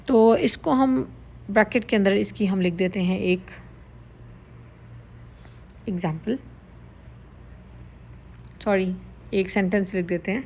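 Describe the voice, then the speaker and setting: A woman's voice: mid-range voice, a little mellow. A woman teaching Arabic vocabulary, explaining words patiently in Urdu mixed with English and repeating them. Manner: patient, explains each word slowly and repeats it.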